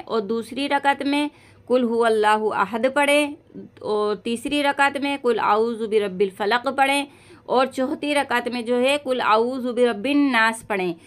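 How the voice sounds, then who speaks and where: Slow, high, bright-voiced woman teacher. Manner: patient, repeats "theek hai" often, recites verses slowly and stretched. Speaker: Quran recitation teacher. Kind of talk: online recitation lesson.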